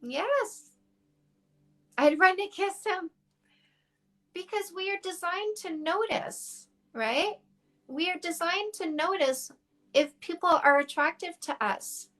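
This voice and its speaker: High-voiced canadian woman, dating coach on a phone live, blunt and frank, swears casually. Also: slow, long pauses, a bit bright. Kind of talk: casual livestream advice. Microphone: phone livestream.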